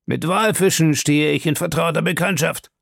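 A man voicing an eager, blunt male harpooner who exclaims excitedly in an audiobook reading. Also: fairly high pitch, moderate pace, gravelly, dry recording, studio quality, voice pushed up. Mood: insistent.

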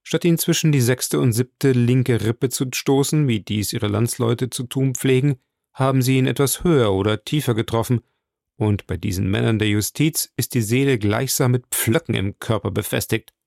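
A man reading an audiobook, voicing a cool, ironic aristocratic count who speaks calmly and sardonically. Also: mid-range voice, creaky, no room sound, clean studio sound, lightly acted. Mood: sardonic. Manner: calm, sardonic, measured.

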